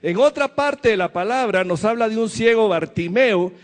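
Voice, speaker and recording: High-voiced preacher in a reverberant church. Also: male voice, animated, normal speed. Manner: preaching with rhetorical questions to the congregation. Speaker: pastor. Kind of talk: sermon.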